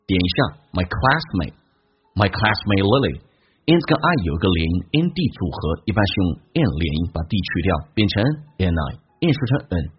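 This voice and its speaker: Male English teacher, brisk explainer, fairly deep voice with an animated pitch, slightly muffled recording. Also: a little hiss or hum. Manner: brisk, explanatory, demonstrates phrases slowly. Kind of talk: listening and pronunciation lesson.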